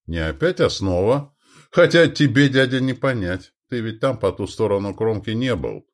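A man voicing a gaunt, stern young king in an audiobook, speaking low and threateningly. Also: expressive, moderate pace. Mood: lecturing. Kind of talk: audiobook character voice.

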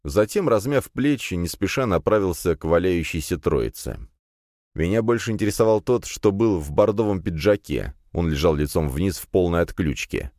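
A man narrating a fantasy audiobook in the first person, in a lively storytelling manner. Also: deep voice, no echo. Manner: lively storytelling with acted dialogue. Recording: dry close studio.

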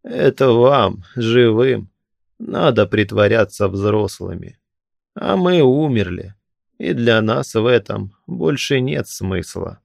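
Calm, sympathetic dead man with one ear, unhurried, read by a man. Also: on the low side, vocal fry, no room sound, clean studio sound, heavily acted.

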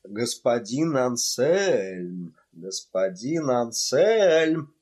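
A male reader voicing a pompous older vice-principal in a storybook, spluttering and shouting in rage. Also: mid-range voice, very animated, extremely slow. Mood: outraged. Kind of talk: audiobook character voice.

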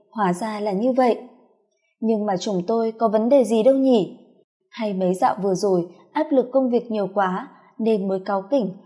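A woman narrating a first-person story in a soft, intimate, confessional way. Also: fairly high pitch.

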